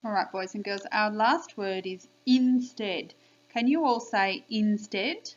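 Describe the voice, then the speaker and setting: A woman teaching young children a spelling lesson on video, sounding out letters and sounds slowly and clearly. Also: mid-range voice. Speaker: primary school teacher. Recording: slightly dull lo-fi sound.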